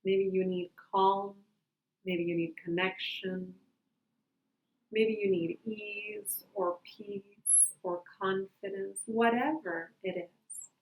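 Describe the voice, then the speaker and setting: A woman leading a calm grounding exercise as a meditation guide, speaking gently and unhurriedly with long pauses. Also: mid-range voice, narrow, tinny audio. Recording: roomy, echoing sound.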